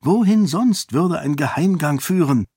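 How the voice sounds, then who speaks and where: A man's voice: a little high, expressive, a little slow, a little mellow, slightly rough, dry recording, studio quality, voice pushed up, full character voice. A man voicing a curious, spirited young noblewoman in an audiobook, talking eagerly and teasingly.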